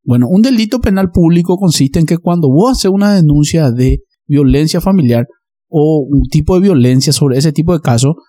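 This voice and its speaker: A man's voice: fairly high pitch, lively intonation, normal speed, dark tone, dry recording, clean studio sound. A man, explaining a topic in a casual discussion and often checking that listeners follow. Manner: explanatory, checks in with "¿verdad?" and "¿entendés?".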